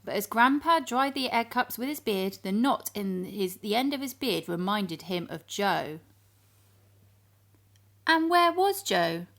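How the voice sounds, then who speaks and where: This woman reads a children's storybook aloud with lively expression, speaking straight to the young audience. She has a mid-range voice and goes a little slowly.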